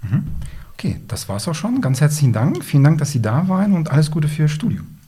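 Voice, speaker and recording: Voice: mid-range voice, sing-song, fairly quick, dark tone, slightly rough. An interviewer asking polite, formal questions in a short university interview.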